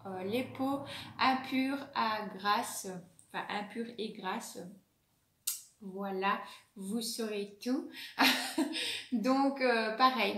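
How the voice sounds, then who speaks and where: A woman's voice: on the high side, fairly bright tone. A French-accented woman reviewing beauty products in a casual vlog, hesitant, with many fillers and self-corrections. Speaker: beauty vlogger. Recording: echoey room.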